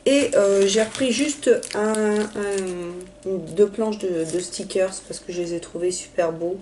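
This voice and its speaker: A hoarse young woman, raspy from being ill, chatting through a casual haul video with many hesitations. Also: medium pitch, takes it slowly, warm tone, a little hiss or hum. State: hoarse from illness. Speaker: vlogger.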